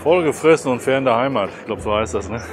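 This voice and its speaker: With music in the background and outdoor noise around him, a fifty-something travel vlogger talks quickly and expressively at medium pitch. He makes short, jokey, colloquial remarks to a camera held at arm's length as he moves through gardens and town streets.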